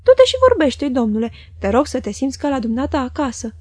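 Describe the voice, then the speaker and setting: A woman's voice: a little high, darkish tone, husky, no room sound. A woman voicing a talkative elderly shopkeeper who is short of breath, speaking in a rambling, fatherly way. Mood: coaxing.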